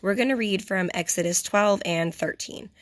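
A young woman with a hoarse, partly lost voice, giving a religious teaching as host and often clearing her throat. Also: medium pitch, moderate pace. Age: young adult. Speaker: fellowship host and Bible teacher. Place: small indoor room. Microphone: phone at arm's length.

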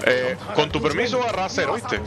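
A man giving slangy, animated let's play commentary and talking back to the game's characters. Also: fairly high pitch, moderate pace. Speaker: gameplay streamer. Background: game music.

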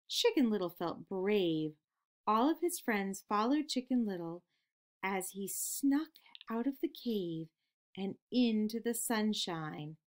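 A woman hosting a children's program, reading a picture book aloud in an expressive storytelling manner. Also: mid-range voice.

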